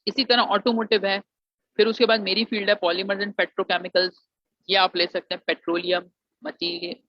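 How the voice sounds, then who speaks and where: This Pakistani man's voice is high-pitched and fairly level in pitch, moving at normal speed with no echo over dry, muffled audio. An engineering alumnus, he offers admission advice as a casual explanatory talk, sprinkling English into Urdu and calling students "beta".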